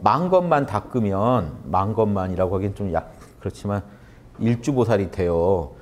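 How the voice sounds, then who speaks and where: A man's voice: on the low side, moderate pace. A man lecturing on Buddhist teachings to an audience, often stopping to ask them questions. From Korea. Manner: animated, asks the audience questions.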